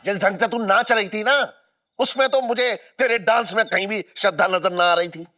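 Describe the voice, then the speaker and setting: A high, bright, forceful voice of a sarcastic sitcom boss and husband. He orders staff around and mocks his wife with a teasing edge. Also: normal speed. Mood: mocking. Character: bossy, sarcastic middle-aged shop owner and husband. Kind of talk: sitcom acting.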